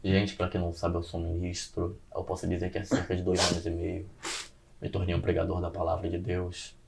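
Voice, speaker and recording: A man's voice: deep voice, completely flat delivery, a little fast, gravelly, heavy background noise. A man with a lisping, slushy s, speaking informally as a preacher and guest on a debate podcast. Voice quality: lisp, tongue-tied slushy s.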